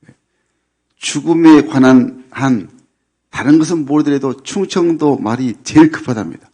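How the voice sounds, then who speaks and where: A middle-aged man preaching a Sunday sermon in a church. He talks at an easy, unhurried pace, drops in little affirming "yes" fillers, and keeps things light with gentle humor. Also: medium pitch, husky. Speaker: pastor. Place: church sanctuary.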